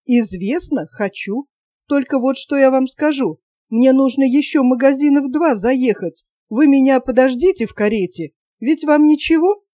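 Чтица в роли болтливой самодовольной барыни. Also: female voice, high voice, moderate pace, dark tone, no room sound, lightly acted. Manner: chatty and coquettish. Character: talkative, self-satisfied wealthy lady.

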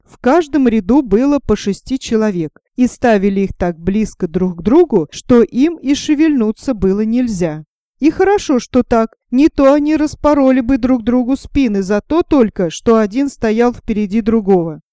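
A woman reading a fairy tale aloud in an expressive, animated storytelling manner. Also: a little high, normal speed, no echo, clean studio sound. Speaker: narrator.

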